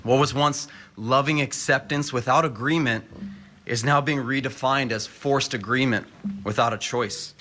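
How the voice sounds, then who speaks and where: Bright-voiced young man testifying firmly. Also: medium pitch, moderate pace, a little hiss or hum. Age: 20s. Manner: firm, impassioned, rhetorical questions. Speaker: public testifier. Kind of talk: prepared public testimony. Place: state capitol hearing room.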